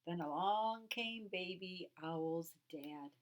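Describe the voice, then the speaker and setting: A woman teacher reading a children's picture book aloud in an expressive storytelling way. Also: on the low side, slow.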